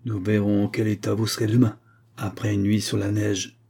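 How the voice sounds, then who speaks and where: A man reading a harsh, proud Russian major with a sarcastic, domineering manner, raised and louder than his narration in an audiobook. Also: lowish voice, completely flat delivery, normal speed, vocal fry, husky.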